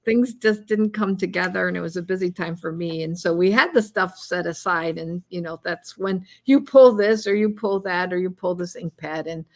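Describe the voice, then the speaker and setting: A woman's voice: fairly low pitch, moderate pace, few pauses, a little mellow. A woman co-hosting a cardmaking video, chatting casually and a little rambly as she demonstrates. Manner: chatty, rambling, self-deprecating. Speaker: cardmaking co-host.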